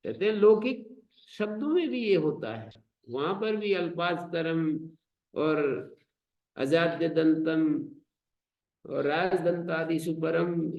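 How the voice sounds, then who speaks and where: An older man with an Indian Hindi accent teaching a scripture lesson, chanting Sanskrit verses, explaining them slowly and asking rhetorical questions. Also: a little high, expressive, muffled recording. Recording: echoey room.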